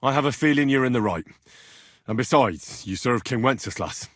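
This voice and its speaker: Voicing a young medieval swordsman for a game, he speaks at a moderate pace with lively, colloquial delivery, big pitch swings and a hint of huskiness. The tone here is earnest and determined, plain-spoken with an occasional cheeky streak, captured as naturalistic dramatic voice lines in a close, dry take without echo.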